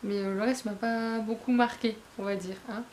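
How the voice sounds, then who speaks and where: This woman's voice is a little high and a bit mellow, with a steady tone at normal speed. Reviewing manga as a book blogger, she rambles in a chatty way, hesitates and corrects herself often, and speaks directly to viewers with blunt asides.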